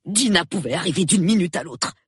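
A man reading an audiobook, voicing a shrewd, prim elderly spinster who speaks in a measured, precise, calmly reproving way. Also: high voice, breathy edge, no room sound, clean studio sound, voice pushed up, heavily acted. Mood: calm, knowing. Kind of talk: audiobook character voice.

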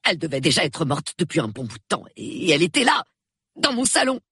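A man reading an audiobook, voicing a nervy, sulky young artist who talks in a rushed, shaky, sullen way. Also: fairly high pitch, wildly swooping pitch, gravelly, bright, forceful tone, slightly rough, no room sound, studio quality, pitched above the performer's own voice, exaggerated voice. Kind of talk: audiobook character voice.

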